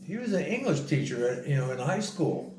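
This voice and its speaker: A man with a fairly high voice tells a casual travel story a little fast. He is animated, repeats himself and acts out other people's words. The mic is distant, the sound is roomy, and the background is noisy.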